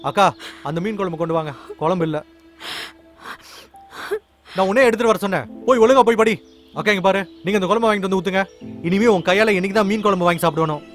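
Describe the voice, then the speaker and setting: An actor playing a kind, teasing young jeep driver in dubbed film dialogue. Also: male voice, sits high, fast, long pauses, fairly bright tone, soft background music.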